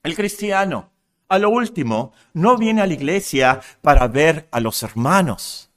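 Man, pastor, high voice, earnest sermon delivery. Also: lively intonation, measured pace. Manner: earnest preaching, rising and loud on key points.

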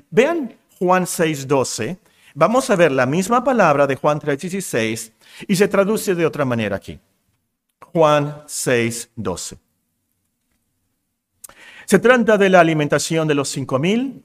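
A middle-aged man preaching a sermon to a congregation, rising in intensity as he builds his point. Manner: animated preaching, pitch rising as he builds to a climax. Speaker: pastor.

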